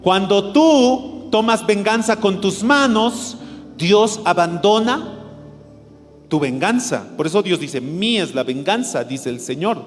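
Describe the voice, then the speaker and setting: Bolivian pastor preaching in an echoey hall. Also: male voice, high voice, expressive, slow pace. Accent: Bolivian Spanish. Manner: questions the congregation and answers himself. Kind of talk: sermon. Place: church hall. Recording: echoey church hall with music.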